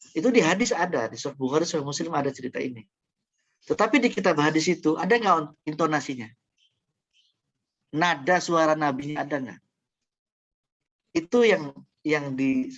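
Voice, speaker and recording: Higher-voiced male lecturer, muffled recording. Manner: explains through examples with frequent fillers and restarts. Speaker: university lecturer. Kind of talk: classroom lecture on Quran interpretation. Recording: dull lo-fi classroom recording.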